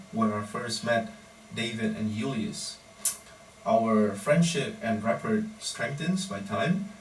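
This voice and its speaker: A man, a powerlifting coach giving a measured, deliberate personal monologue in short phrases. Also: on the low side, a little mellow. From Indonesia. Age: 20s. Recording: roomy echo, distant mic, faint background noise.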